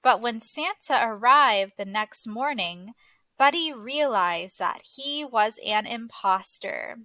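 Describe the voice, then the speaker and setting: A teacher reads a children's story aloud as a storybook narrator, in a fairly high, bright voice that is unhurried and expressive. The scripted narration is deliberate, with a close, dry sound and no room noise.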